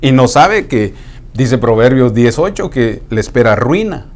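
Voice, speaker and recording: A man preaching a sermon in a conversational way, dropping into hushed asides to act out what people say. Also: medium pitch, very animated, unhurried.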